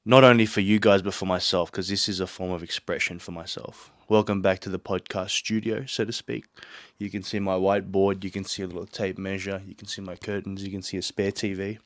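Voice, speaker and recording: Low-voiced and brisk, the man speaks with a flat delivery and no echo. He's running his own podcast from a small home studio while sick, nursing a sore throat and a blocked nose, and his casual solo talk is earnest, motivational, and full of meandering asides.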